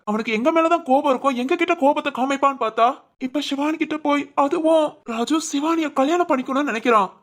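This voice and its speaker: A woman voicing young brothers who plot revenge in low, conspiratorial talk, in an amateur family drama. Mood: agitated.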